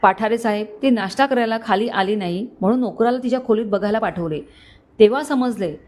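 A woman's voice: medium pitch, fairly quick, darkish tone, natural voice. A woman voicing an elderly wealthy father who sounds earnest and pleading, in a storybook reading. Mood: worried.

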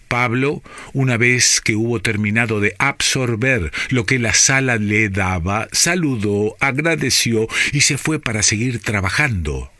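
A man with an Argentine accent, reading a scripted story for radio in a measured, deliberate way with dramatic pauses. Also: medium pitch, expressive, pushed and bright, no echo. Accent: Argentine Spanish.

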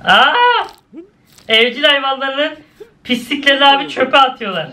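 Bright high-voiced young man reacting. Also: normal speed. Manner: exclaiming, laughing, swings between high and low. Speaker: YouTuber reacting to cartoons. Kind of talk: casual reaction commentary.

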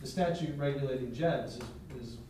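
A man, the village law director, explaining a bill at a council meeting in a measured way, with many pauses. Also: medium pitch. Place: municipal council chamber. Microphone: distant room mic. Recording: very echoey chamber, far mic, loud noise.

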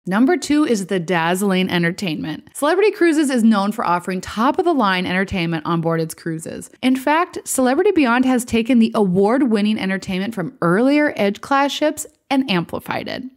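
Woman, travel blogger, scripted voice-over, upbeat, enthusiastic, mid pitch. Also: sing-song, moderate pace, few pauses. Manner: upbeat, enthusiastic, lists details.

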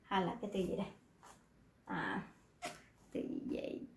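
A woman teaching, patiently explaining, quizzing the class and repeating words slowly. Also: medium pitch, fairly even intonation, gravelly, roomy sound, slight background noise. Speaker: Korean language teacher.

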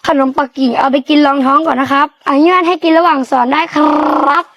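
A woman's voice: sits high, fast talker, fairly bright tone, no echo. A young woman acting in a comedy skit, cheeky and playful. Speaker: skit performer.

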